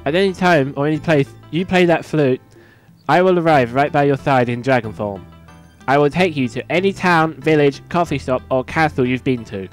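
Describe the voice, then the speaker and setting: A man's voice: on the high side, moderate pace, soft background music, lightly acted. A man voicing a naive young male dragon, the son of a dragon god, talking in an earnest, polite, worried way.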